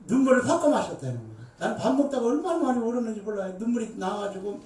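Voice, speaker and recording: A middle-aged woman, a seminary dean, preaching a Bible lecture with emphatic, animated delivery to an audience. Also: fairly high pitch, rapid-fire. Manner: emphatic, animated, with bursts of shouting and laughter. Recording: echoey room, voice far from mic.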